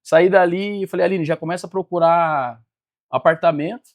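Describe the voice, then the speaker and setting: A man's voice: high voice, fairly even intonation, moderate pace. A man, telling his life story as a podcast guest and acting out the dialogue. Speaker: guest, business mentor. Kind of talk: personal storytelling in a podcast interview.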